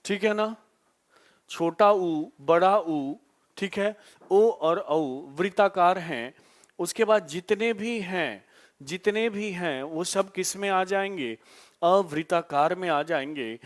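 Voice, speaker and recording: A man teaching a live online grammar lesson, repeating key terms and asking his students questions to answer back. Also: sits high. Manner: repetitive call-and-response questioning; drawn-out slow emphasis on key terms.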